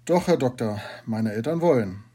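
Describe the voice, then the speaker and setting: A man voicing a shy, sad schoolboy who answers politely and hesitantly, with a husky voice. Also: medium pitch, expressive, normal speed, mellow. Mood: timid.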